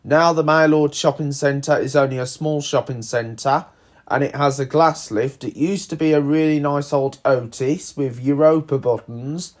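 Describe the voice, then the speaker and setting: A man's voice: a little high, fairly even intonation, measured pace. A man hosting a video with casual, slightly hesitant, plain-spoken voice-over narration. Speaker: video host.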